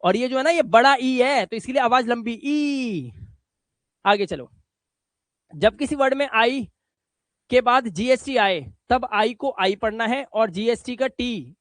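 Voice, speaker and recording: Patient male tutor, high voice, slow clear word drills, dry close recording. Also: a bit bright, dry recording. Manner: patient, repeats words slowly with examples. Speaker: spoken English teacher. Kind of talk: classroom lesson on reading rules.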